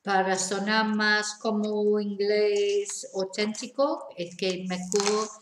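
A woman with a Manchester accent teaches a bilingual language lesson at a very slow, deliberate pace. She reads each example sentence out carefully. The room around her echoes noticeably. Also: mid-range voice, steady tone, noisy background. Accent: Northern English, Manchester. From England. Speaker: English teacher.

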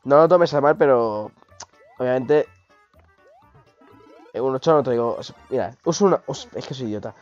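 A man, hoarse from a cold, giving excitable live gameplay commentary, swearing and yelping at mishaps. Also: medium pitch, moderate pace, long pauses. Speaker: streamer. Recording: dull lo-fi stream audio with game music.

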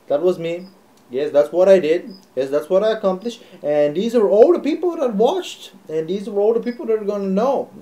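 A young man from Bulgaria talking reflectively to his webcam in a small room, animated and repeating phrases for emphasis. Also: sits high. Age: young adult. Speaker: video creator. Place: small bright room indoors. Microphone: webcam at close range, filmed from below.

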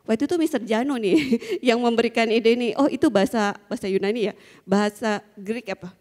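A woman's voice: a little high, a little fast, a little mellow. A middle-aged woman founder giving a chatty conference talk into a handheld microphone, telling stories with frequent fillers and small laughs. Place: large conference hall with a seated audience. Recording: long hall reverb.

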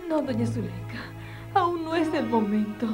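A woman's voice: fairly high pitch, lively intonation, normal speed, music in the background, natural voice. An actress playing a frightened young woman in labor, in pain and tearful.

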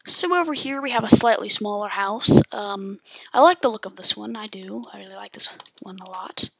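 A woman's voice: mid-range voice, normal speed, vocal fry, slightly rough, no room sound. Woman rambling through a game tour. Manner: relaxed, rambling with many ums. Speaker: gamer giving a world tour. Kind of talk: casual game tour narration.

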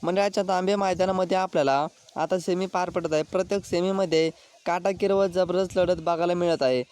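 A man's voice: high voice, steady tone, a little fast, darkish tone. A man hosting a channel, reading scripted race news and often addressing his viewers directly. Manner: repeatedly addresses viewers as friends. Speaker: channel host.

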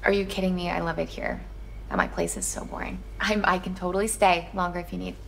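An actress playing an eager, friendly young helper in a naturalistic film drama. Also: female voice, on the low side, level tone, fast talker, gravelly, fairly bright tone, a little hiss or hum. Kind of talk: naturalistic screen acting.

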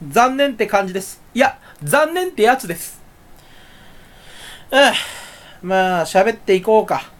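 A man talking to himself in a rambling solo monologue. He is self-mocking and erratic, swinging from loud outbursts to low mutters. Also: sing-song, unhurried, pauses often. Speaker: solo talk channel host.

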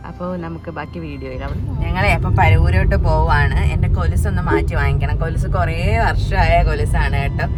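A woman's voice: on the low side, heavy background noise. A young woman chatting casually to her viewers as a family vlogger, often adding a friendly tag to her sentences. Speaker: family vlogger and clothing seller. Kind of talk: casual vlog chat. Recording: background music under the voice.

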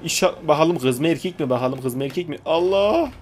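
A man's voice: a little high, a little fast, slight background noise. A young man giving casual, joking gameplay commentary, chatting to the characters on screen and swearing lightly. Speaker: gaming YouTuber.

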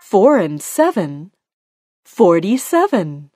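A woman working as a bingo caller, announcing each call deliberately in short, separate phrases. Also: mid-range voice, big pitch swings. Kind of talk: bingo calling with rhyming nicknames, announced number by number. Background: music.

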